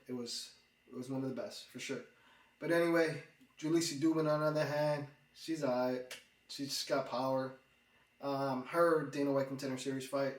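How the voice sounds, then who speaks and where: A man who hosts an MMA channel, congested with a cold, giving a laid-back fight breakdown with plenty of ums and uhs. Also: medium pitch. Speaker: MMA predictions channel host. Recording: roomy, distant mic.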